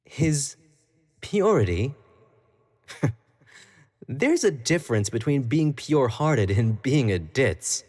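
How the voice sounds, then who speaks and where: A mid-range, darkish male voice, sing-song and slow with long pauses, carries a scornful mood. The man plays a young pop idol who is obsessive and jealous, delivering an intimate dramatic monologue to the listener that swings from sweet pleading to cold condescension.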